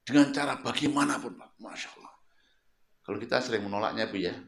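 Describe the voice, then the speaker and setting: A man preaching a sermon at home, telling a story with lively questions to his listeners. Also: mid-range voice, fast talker, creaky. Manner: lively storytelling, questions the audience and repeats words. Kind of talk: sermon to a local congregation. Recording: roomy echo.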